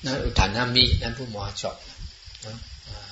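A man's voice: medium pitch, fairly even intonation, moderate pace. A man talking casually and at length, rambling along with many fillers and switching between languages. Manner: rambling, mixes in Chinese and English words, many "ah" fillers. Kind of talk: casual explanatory talk. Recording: muffled, roomy, noisy recording.

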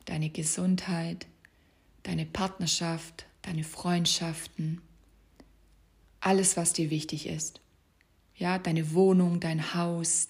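Soft-spoken coaching woman, lowish voice. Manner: soft, often whispered, guiding the listener; speaks straight to the listener with gentle instructions. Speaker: life coach. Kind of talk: motivational coaching talk.

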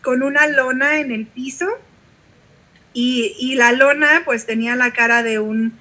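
A woman's voice: sits high, fairly even intonation, a little slow, bright, forceful tone. A woman with a Mexican accent, a pastor and singer, telling stories in an interview with vivid quoted dialogue. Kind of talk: conversational storytelling interview.

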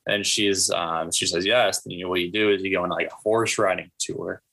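A man's voice: low-pitched, fairly even intonation, a little fast, creaky, bright, forceful tone. A young man in casual podcast chat, rambling with lots of fillers and playful made-up stories. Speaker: podcast co-host.

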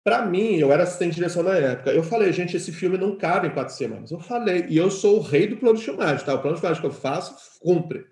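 A quick, slightly high-voiced Brazilian man talking through his work as a film director. He tells stories with energy, acting out what others said. The room gives his voice a noticeable echo. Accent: Brazilian Portuguese. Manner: animated storytelling, acts out quoted dialogue. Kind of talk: conversational interview.

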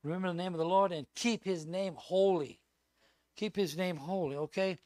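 A male guest preacher delivering an emphatic, animated sermon full of asides and repetitions. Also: high-pitched, moderate pace, no room sound.

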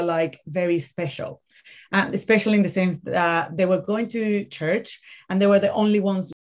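A woman's voice: lowish voice, darkish tone. A woman from Venezuela with a Venezuelan accent, talking conversationally as an interview guest and telling stories in an emphatic way, often repeating words. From Caracas, Venezuela. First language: Spanish. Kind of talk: conversational storytelling.

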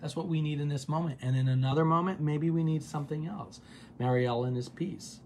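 A man hosting a guided gratitude practice on a livestream from his office, calm and unhurried, repeating words in a soft, low voice. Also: a little hiss or hum. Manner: calm, drawn-out repetitions dropping soft and low. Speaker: meditation host.

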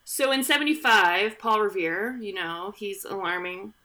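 Unhurried and medium-pitched with a sharp edge, this woman hosts a podcast where she retells history. Her style is chatty and full of jokes, fillers and asides, captured on a studio podcast mic.

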